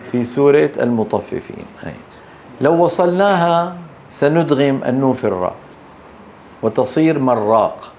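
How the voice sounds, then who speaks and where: A man's voice: medium pitch, a little mellow, a little hiss or hum. A man with a Levantine Arabic accent lecturing on Quran recitation rules. He keeps checking that his students follow, asking short questions and answering them himself. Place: teaching hall.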